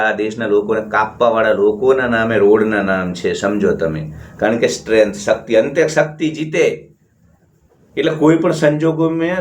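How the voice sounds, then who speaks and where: A man from India delivers a blunt motivational monologue to his channel's viewers. He talks in a scornful, emphatic way and repeats words to drive each point home. His voice sits in a middle pitch. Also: a little hiss or hum. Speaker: motivational channel host and counselor.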